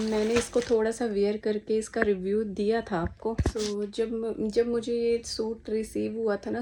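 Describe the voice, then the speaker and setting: A young woman with a medium-pitched voice vlogs casually from home, chatting straight to viewers and calling them "guys." She also talks sweetly to her small son, and there is background noise.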